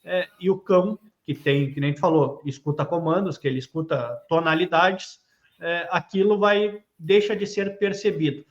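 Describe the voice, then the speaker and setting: A man hosting a podcast, asking long questions with many hesitant pauses. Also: a little high, dull audio. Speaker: podcast host. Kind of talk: casual podcast interview.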